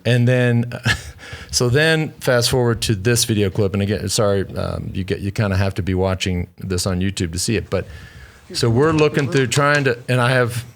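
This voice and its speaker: A man with a lowish voice spins a casual story on a podcast, animated and rambling, swearing freely and restarting his sentences as he goes. He talks like he's among friends. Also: normal speed. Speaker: podcast co-host.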